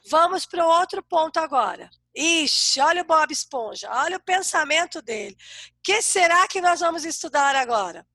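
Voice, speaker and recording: Bright, high-voiced Brazilian teacher. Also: female voice, dry recording, studio quality. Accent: Brazilian Portuguese. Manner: warm, sing-song teacher talk to small kids. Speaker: primary school teacher. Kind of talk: online class for young children.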